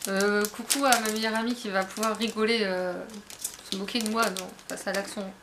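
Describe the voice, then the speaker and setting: A woman's voice: medium pitch, steady tone, moderate pace, background noise. A young woman chatting casually to camera while unboxing a book box at home, with lots of fillers and restarts. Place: at home, indoors.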